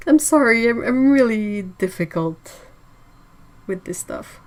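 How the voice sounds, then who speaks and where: A woman's voice: mid-range voice, darkish tone, rough recording. A woman hosting a casual livestream, chatting and reacting to chat messages with frequent laughs. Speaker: livestream host.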